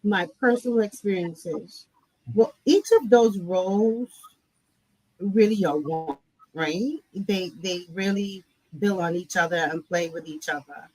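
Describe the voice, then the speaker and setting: Lady guest, lowish husky voice, dry sound, keeps saying right?. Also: measured pace, darkish tone, no echo, low-quality recording. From Barbados. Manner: reflective, repeats "right?" often. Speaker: guest, nonprofit CEO. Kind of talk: conversational interview.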